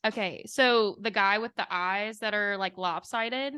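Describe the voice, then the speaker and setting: A woman with a bright, smooth voice chats through her questions, piling up fillers as she goes. The sound is dry and close. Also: medium pitch, a little slow, no echo. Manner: chatty, filler-heavy questions. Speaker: host. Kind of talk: casual conversational interview.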